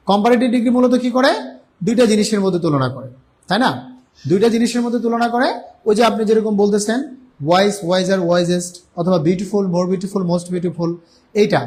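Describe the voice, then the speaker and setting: A young Bangladeshi man with a high voice, teaching English grammar in a live online class. He asks his students a question and answers it himself right away, again and again. He draws the English example words out slowly so they are easy to follow. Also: darkish tone. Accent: Bangladeshi Bengali.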